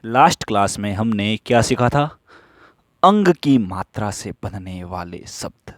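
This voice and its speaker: Guy teaching steno real slow, keeps asking then answering himself, dry recording. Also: fairly low pitch, expressive, dry recording. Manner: asks and answers his own questions, repeats rules. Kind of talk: slow classroom lesson with questions.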